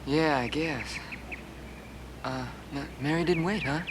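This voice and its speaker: A man's voice: on the high side, slow pace, a little hiss or hum. A teenage male actor playing a friendly, shy farm boy in a period television drama.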